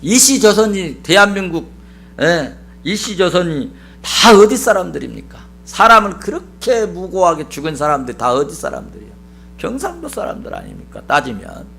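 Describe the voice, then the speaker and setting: A man's voice: sits high, wildly swooping pitch, normal speed, gravelly, sharp tone, soft background music. A male pastor preaching a sermon with emphatic repetition and rhetorical questions to the congregation.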